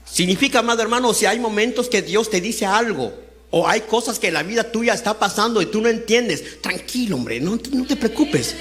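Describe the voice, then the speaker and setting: High-voiced man preaching. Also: a little fast, fairly bright tone. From Honduras. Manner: conversational, asks the congregation questions, laughs while talking. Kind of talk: sermon. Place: church service.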